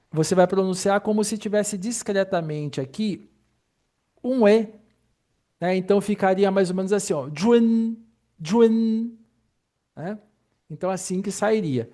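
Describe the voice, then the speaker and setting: A man's voice: high voice, dark tone. A man teaching Mandarin pronunciation in an online lesson, patiently explaining and repeating each sound.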